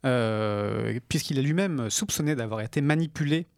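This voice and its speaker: A man's voice: medium pitch, moderate pace, vocal fry, a little mellow, clear, resonant tone, no room sound, clean studio sound. Hesitant French man explaining the news. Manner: explanatory, hesitant with frequent fillers. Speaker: podcast co-host. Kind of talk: casual news podcast chat.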